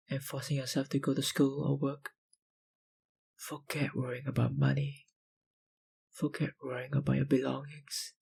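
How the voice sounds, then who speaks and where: A man with a mid-range, darkish voice performs a dramatic ASMR monologue as a powerful, possessive vampire who has kidnapped someone. He speaks breathily and huskily, dominant and condescending throughout.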